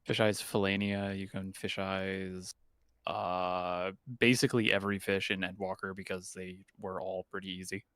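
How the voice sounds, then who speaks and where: Heard on group voice chat, a male stream guest talks casually in a low, level voice at normal speed, slightly bright, with a clean tone and dry recording. His speech is full of stammered restarts and puns.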